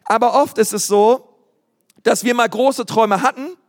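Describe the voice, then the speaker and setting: A man preaching as a pastor, lively and casual, with many fillers and slipping into other voices to mimic listeners. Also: very high voice, normal speed. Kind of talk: sermon. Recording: long hall reverb.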